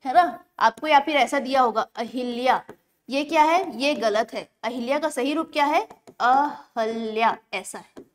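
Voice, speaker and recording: A woman teaching an exam-prep grammar lesson, explaining step by step and slowing down to spell words out syllable by syllable. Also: sits high. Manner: explains step by step, often checks in with the class.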